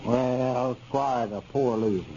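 A man acts out a folksy Southern American storekeeper for a 1930s radio comedy. The voice is dark and soft, with drawling dialect. The recording is dull and slightly noisy. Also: mid-range voice, steady tone, slow, natural voice. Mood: unhurried, mulling. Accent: rural Southern American. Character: folksy rural storekeeper, talkative and self-assured.

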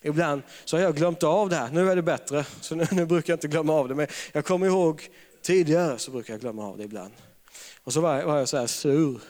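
A man with a slightly high, somewhat mellow voice preaches a charismatic sermon, weaving humorous stories and laughing often. The long reverb of a large hall surrounds his words.

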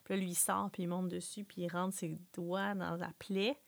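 Woman, Quebec French accent, low-pitched voice, dry recording, animated plot recap. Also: moderate pace, creaky, dry recording. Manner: animated storyteller, acts out characters' lines. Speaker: film recapper. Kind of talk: casual chat retelling a film plot.

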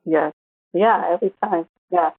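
A woman's voice: lowish voice, normal speed, slightly rough, no echo. A woman co-hosting a podcast, chatting casually and laughing easily. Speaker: podcast co-host. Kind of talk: casual chat. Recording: tinny phone-like line.

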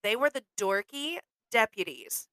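A woman's voice: on the high side, sing-song, a little slow, fairly bright tone, clear, resonant tone, dry recording. A woman co-hosting a podcast, chatting casually and with enthusiasm. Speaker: podcast co-host. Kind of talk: casual chat.

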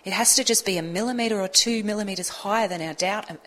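A woman's voice: mid-range voice, fast, fairly bright tone, rough recording. A woman, a radio guest speaking earnestly and explaining her ideas with emphasis. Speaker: guest on a radio talk show. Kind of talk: conversational advice talk.

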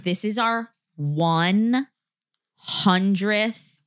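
A woman's voice: medium pitch, drawn-out words, clear, resonant tone. A woman in her thirties hosting a podcast, chatting candidly and rambling, laughing as she talks while in pain from back spasms. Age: 30s. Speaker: podcast host. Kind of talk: casual chat.

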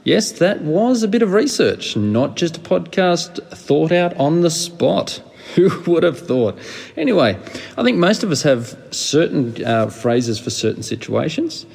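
A man's voice: a little high, sing-song, measured pace, gravelly, darkish tone, husky, in a large hall. Casual New man hosting a podcast. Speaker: podcast host.

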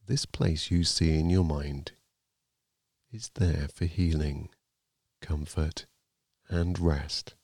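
A man narrating a guided sleep meditation like a sleep story, in a calm, soothing, gently measured manner. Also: a bass voice, dry recording, clean studio sound.

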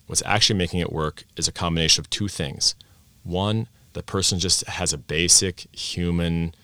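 In a dry recording, a low-pitched man with a bright, forceful tone gives a conversational podcast interview. He grew up in Austria, speaks English and German bilingually, and works as a language teacher and presenter. His talk is reflective, full of restarts and self-corrections.

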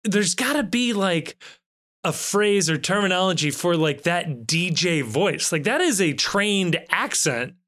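A man's voice: high voice, lively intonation, a little slow, a bit bright. A man co-hosting a sports podcast, musing in casual chat and laughing often. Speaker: podcast co-host.

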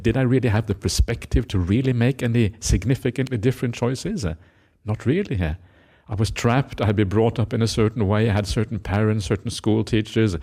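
A middle-aged monk from Norway gives a Dhamma talk in a low voice with a gravelly edge. His delivery is reflective and unhurried. He keeps checking in with listeners through a soft "eh?". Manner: reflective, tags lines with a questioning "eh?"; gentle laughter, hesitant fillers. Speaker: Buddhist monk teacher.

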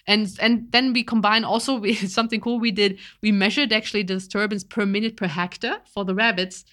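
A woman's voice: mid-range voice, fairly even intonation, a little fast, fairly bright tone. A young woman explaining her wildlife research in casual chat, eager, with many restarts and fillers.

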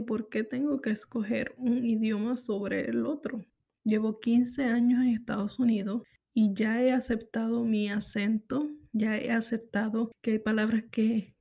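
A woman's voice: a little high, creaky, warm tone. A woman in her thirties from Puerto Rico with a Puerto Rican Spanish accent, hosting a podcast in a candid, reflective personal monologue. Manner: candid, reflective, repeats phrases. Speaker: podcast host.

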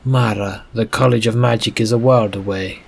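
Gruff stern father, protective, forceful delivery, voiced by a man. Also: fairly low pitch, steady tone, moderate pace, a little hiss or hum.

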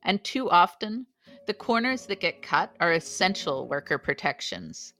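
A woman's voice: fairly low pitch, big pitch swings, unhurried, pushed and bright. A woman reporting in scripted podcast narration. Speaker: podcast reporter, campaigns manager.

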